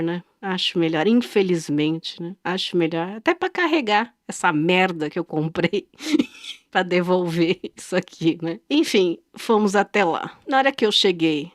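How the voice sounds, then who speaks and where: A woman's voice: fairly low pitch, no echo, clean studio sound. A woman with a Brazilian Portuguese accent, co-hosting a podcast and telling a story in casual chat, acting out quoted dialogue and laughing often. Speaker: podcast co-host.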